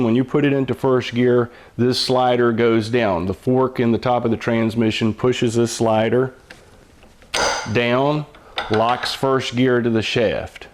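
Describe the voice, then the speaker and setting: An older man explains hands-on mechanical work step by step, like an old machinist, in a patient, folksy, plain-spoken way. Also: mid-range voice. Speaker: mechanic giving instruction.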